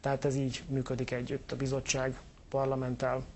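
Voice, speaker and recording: A man's voice: medium pitch, completely flat delivery, slight background noise. A man answering interview questions as a government official, hesitant and full of filler sounds.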